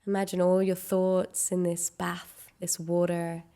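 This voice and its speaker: A woman delivers a guided meditation in a lowish, flat voice. Her instructions are soft and leisurely, broken up by extended pauses.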